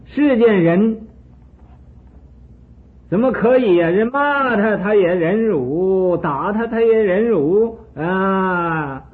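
Male storyteller doing a raging jealous ancient king: high, loud, scornful, tinny phone-line sound. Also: lively intonation, slow pace. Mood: angry, taunting. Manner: shouting, scornful challenges. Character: jealous, hot-tempered ancient king, a man.

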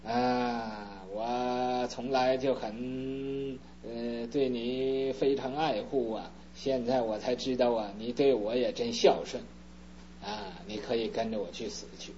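Brief: man voicing a frail old father, low, slow, pleading, lo-fi recording with faint hum. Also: fairly even intonation, darkish tone, natural voice.

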